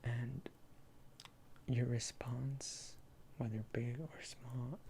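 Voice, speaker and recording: A person in an ASMR role-play as a therapist, explaining and reassuring gently in a halting, hesitant way. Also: medium pitch, level tone, creaky, slight background noise.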